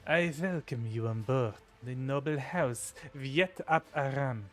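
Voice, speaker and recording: A man voicing a haughty noblewoman planetary governor in a forced deep mock-Russian accent, reading game dialogue slowly and formally. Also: soft background music, natural voice. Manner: formal, slow, solemn delivery.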